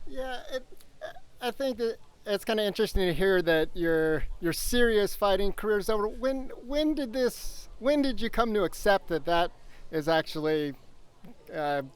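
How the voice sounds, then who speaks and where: A man with a notably high, smooth and clear voice works as an interviewer. He asks his questions in a casual, conversational sports-interview style. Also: lively intonation, normal speed.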